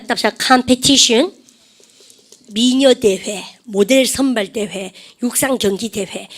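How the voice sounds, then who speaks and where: 경상도 억양의 수다스러운 여자 영어 강사. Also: female voice, on the high side. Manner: chatty, prompts class to repeat phrases, frequent laughs. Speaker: English teacher. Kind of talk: classroom English vocabulary lecture.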